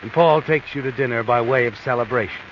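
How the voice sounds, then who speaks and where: An actor playing an ominous, knowing American narrator who slyly taunts the guilty in a 1940s radio mystery. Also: male voice, medium pitch, fast, natural voice. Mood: sly, taunting. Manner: sly, insinuating second-person address. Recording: hissy, muffled vintage radio recording.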